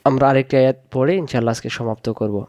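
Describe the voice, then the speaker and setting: A man teaching Quran reading, sounding out Arabic syllables one at a time and then joining them in a slow recitation lesson. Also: mid-range voice, steady tone, darkish tone.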